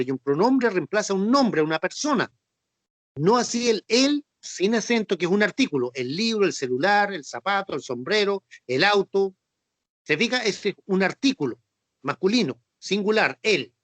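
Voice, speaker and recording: A man with a Chilean accent leads a Bible class in a voice pitched fairly high for a man. He explains each point patiently and keeps checking that everyone is following. The recording is dry, with little room sound. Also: no room sound. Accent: Chilean Spanish. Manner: patient and repetitive, with frequent "¿no es cierto?" and "ya" checks. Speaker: Bible study teacher.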